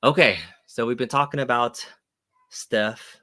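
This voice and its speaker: A man's voice: mid-range voice, fairly even intonation, measured pace, sharp tone, dry recording. A man hosting a casual livestream chat, talking loosely with fillers and restarts. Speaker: host.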